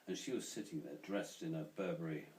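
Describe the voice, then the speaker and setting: A man telling an anecdote at a dinner table, animated and often laughing as he goes. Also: sits low, fast, echoey room, recorded from a distance. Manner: animated, laughs through his own story. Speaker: storyteller. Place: room at a dinner gathering.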